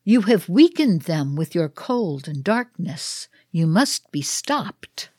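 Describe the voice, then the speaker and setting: A woman voicing the Green Man of Spring, a solemn heroic champion, declaiming slowly in a read-aloud ritual play. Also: on the low side, sing-song, darkish tone, breathy edge, no echo, clean studio sound, full character voice.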